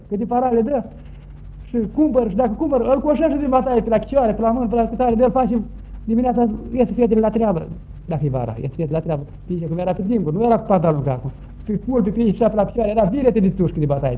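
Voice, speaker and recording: Older man, high voice, folksy storyteller. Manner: lively, acts out shouts and sounds. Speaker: interviewee recalling village customs. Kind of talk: folk storytelling. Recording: dull lo-fi recording, faint noise.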